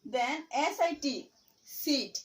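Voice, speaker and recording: A woman from Bangladesh, teaching English pronunciation by spelling out letters and repeating each word slowly. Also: high-pitched, expressive, poor audio. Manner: slow, deliberate spelling and repetition.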